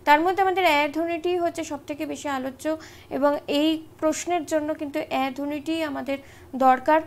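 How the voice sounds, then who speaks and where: A woman's voice: high-pitched, steady tone, fairly quick. A woman teaching an exam-prep grammar lesson, explaining step by step and often checking in with short tag questions.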